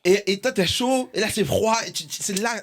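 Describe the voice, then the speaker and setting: A man's voice: high voice, fairly quick, a bit bright, a little hiss or hum. A young adult man hosting a casual chat with his mother, teasing her and egging on her story with laughing replies. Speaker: host.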